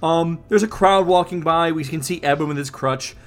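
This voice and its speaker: A man's voice: a little high, moderate pace. A man co-hosting a podcast, casually recapping and narrating a comic. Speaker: podcast co-host.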